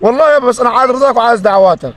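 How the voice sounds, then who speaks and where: A man playing a rapid, pleading rural son. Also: extremely high pitch, a bit bright. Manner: rapid pleading, repeating "yaba". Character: grown rural son, childless and anxious, pleading with his father. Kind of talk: sketch comedy acting.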